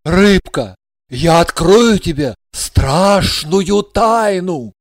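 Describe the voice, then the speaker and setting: A woman's voice: on the low side, unhurried, no echo, studio quality, voice pushed down, natural voice. A woman voicing a flustered, cheating husband who pleads desperately.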